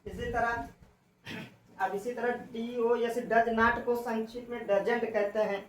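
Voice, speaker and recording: A woman English teacher giving a classroom lesson on contractions, spelling out letters slowly and repeating herself. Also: on the high side, fairly even intonation, distant mic. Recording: echoey room, voice from off-mic, faint noise.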